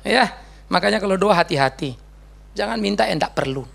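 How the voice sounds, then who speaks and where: Male pastor, sermon delivery, high gravelly voice, animated and joking. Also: a little fast. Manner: lively, humorous, acts out quoted prayers. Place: church.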